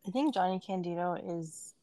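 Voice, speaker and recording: A woman's voice: lowish voice, normal speed, mellow, dry recording. A woman hosting a casual podcast chat, speaking informally and peppering her questions with "like". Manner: informal, frequent "like". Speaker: podcast host.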